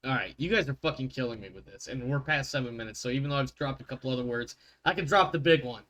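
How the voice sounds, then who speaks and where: A man's voice: medium pitch, fast talker. A man hosting as game master in casual, sweary group banter, often interrupting himself. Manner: sweary, self-interrupting, animated. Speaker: game master and show host.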